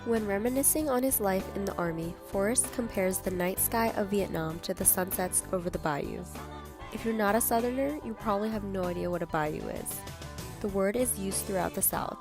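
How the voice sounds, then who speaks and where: A woman's voice: mid-range voice, moderate pace. Brief: woman student narrator, scripted, music bed. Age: young adult. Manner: even, explanatory reading. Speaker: student presenter. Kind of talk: scripted class presentation narration.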